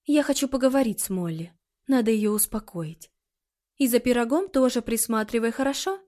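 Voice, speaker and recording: Brief: a worried mother, firm and restrained, somewhat high voice as a woman narrator puts her on. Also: lively intonation, moderate pace, dark tone, lightly acted. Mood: gentle. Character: worried middle-aged mother, stern then gentle.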